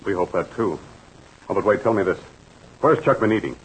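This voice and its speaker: An actor playing a calm, commanding aviator captain in an old radio drama, brisk, courteous and authoritative. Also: male voice. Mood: brisk, concerned. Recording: noisy, rumbling old radio recording.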